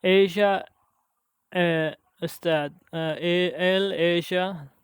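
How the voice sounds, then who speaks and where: A man practicing language conjugations aloud on his own, halting and restarting often as he works through a lesson. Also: high voice, steady tone, smooth, dry recording. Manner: halting, with frequent restarts and hesitations. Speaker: language learner. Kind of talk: self-study language practice.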